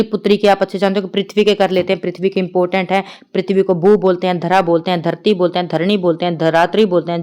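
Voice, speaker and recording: Smooth-voiced woman teaching a grammar class. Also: lowish voice, a little mellow. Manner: chatty, repeats "ठीक है" often; lists words in quick runs. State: tired. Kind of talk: online exam-prep lesson.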